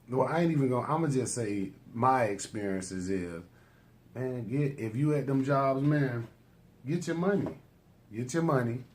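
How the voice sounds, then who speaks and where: A man's voice: lowish voice, a little mellow. A man vlogging in a casual motivational monologue, emphatic, laughing between points and filling his talk with "man" and "you know what I'm saying.". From United States. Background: music.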